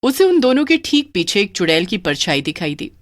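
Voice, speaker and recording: A woman narrating a scripted horror story in an expressive, animated voice. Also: medium pitch, moderate pace, no echo.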